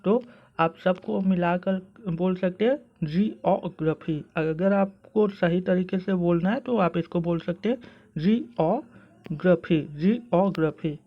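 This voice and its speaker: Patient teacher, slow syllable-by-syllable speech. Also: medium pitch, highs cut off. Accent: Indian English. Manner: slow, patient explaining with hesitant fillers. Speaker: online teacher. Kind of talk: pronunciation lesson, spelling words out syllable by syllable. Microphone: phone.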